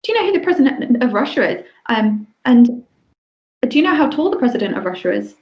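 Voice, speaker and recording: A woman voicing an eager little boy who fires off questions nonstop with no pause for an answer. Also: on the high side, sing-song, a little mellow, echoey room. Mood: earnest. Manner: rapid-fire, breathless questioning.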